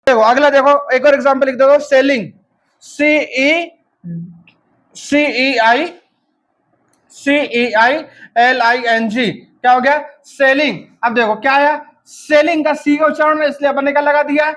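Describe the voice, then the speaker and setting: Brief: man, has a cold, high voice, exam-prep teacher spelling words out and quizzing himself. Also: fairly even intonation, unhurried, a bit bright. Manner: drilling by asking and answering his own questions, spelling letter by letter.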